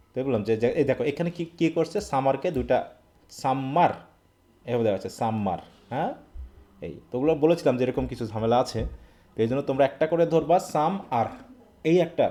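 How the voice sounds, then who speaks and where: A man from Bangladesh leads a live online English class in a mellow, mid-range voice. He asks questions and keeps checking that his students are following.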